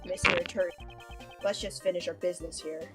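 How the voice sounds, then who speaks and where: A woman voicing a stoic middle-aged male detective in a game read-along, speaking slowly in a lowered, deadpan tone. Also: loud music behind the voice, lightly acted.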